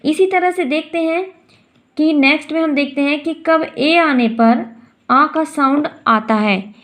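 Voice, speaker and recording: A woman explaining English vowel sounds to beginners in a slow, repetitive way, drawing out each sound she models. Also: sits high, fairly bright tone. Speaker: English teacher.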